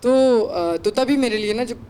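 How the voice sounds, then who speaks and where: A man's voice: very high-pitched, warm tone, a little hiss or hum. A young man hosting a podcast, telling a rambling story in casual chat and mixing English words into his speech. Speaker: podcast host.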